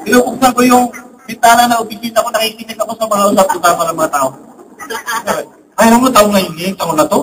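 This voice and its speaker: A man's voice: high voice, fairly even intonation, fast. A man preaching as a priest, telling humorous stories in a sermon in a large church. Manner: humorous storytelling with jokes. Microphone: recorded from among the congregation. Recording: distant church recording, faint hum.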